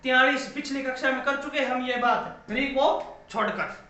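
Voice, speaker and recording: A man's voice: very high-pitched, normal speed, pushed and bright. Man teaching in a very echoey room. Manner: asks and answers own questions, repeats key phrases. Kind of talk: classroom grammar lesson. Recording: very echoey room, dull lo-fi sound.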